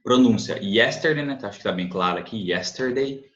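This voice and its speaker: A Brazilian man, a Portuguese speaker, teaching an English lesson. He translates phrase by phrase, repeats words slowly to show pronunciation and keeps adding short tag questions. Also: fairly low pitch. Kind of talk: language lesson, translating and explaining. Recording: echoey, dull lo-fi room recording.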